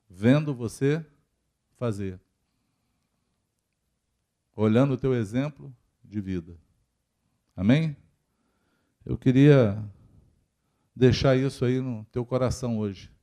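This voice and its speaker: A Brazilian man preaching to his congregation in church. His voice sits in an ordinary middle register. He talks in a relaxed, conversational way, with frequent questions aimed at the listeners. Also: medium pitch, vocal fry. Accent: Brazilian Portuguese. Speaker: pastor. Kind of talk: sermon.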